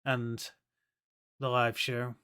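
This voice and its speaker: A man's voice: medium pitch, level tone, extremely slow, pushed and bright. A man hosting a livestream with casual, rambling, sarcastic commentary on a game show. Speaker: livestream host.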